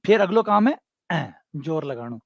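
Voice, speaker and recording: A man's voice: on the high side, very animated, normal speed, vocal fry, dry recording. A man with a Rajasthani accent teaching a maths coaching class, chatty and joking, slipping into local dialect. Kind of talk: online exam coaching class.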